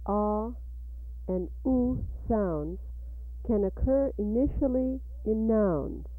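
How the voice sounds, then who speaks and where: A woman's voice: medium pitch, no room sound, narrow, tinny audio. Woman narrating on an old tape recording. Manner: measured, deliberate reading. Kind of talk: scripted educational narration.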